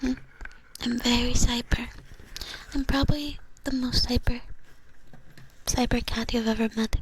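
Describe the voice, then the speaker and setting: A young woman whispering softly in a casual ASMR chat with her viewers. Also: fairly high pitch, steady tone, measured pace. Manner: soft whispering, chatty, giggly. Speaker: ASMR streamer. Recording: noisy whispered mic recording.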